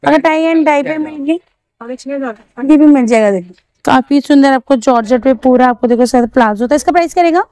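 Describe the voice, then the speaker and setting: Her voice is high-pitched but dark in tone, and she talks at a normal speed with no echo. A young woman walks a busy outdoor street market for a vlog, showing clothes, talking through prices and fabrics, and asking shopkeepers questions.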